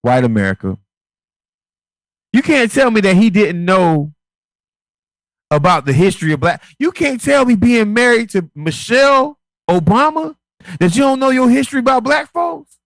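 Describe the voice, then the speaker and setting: Casting: high-pitched male co-host, emphatic repetitive rant, dry close mic. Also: sing-song, moderate pace, long pauses, no room sound, low-quality recording. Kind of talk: casual political chat.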